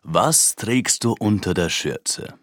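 Sly storybook wolf, very deep and husky, lively sinister swoops, read by a woman. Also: no room sound, studio quality, heavily acted. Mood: coaxing. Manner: slow, coaxing and sinister. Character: sly hungry male wolf, scheming.

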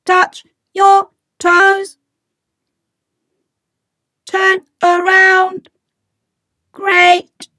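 A woman voicing a friendly robot that gives simple classroom commands in a slow, even, sing-song children's lesson chant. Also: extremely high pitch, no echo, studio quality, heavily acted.

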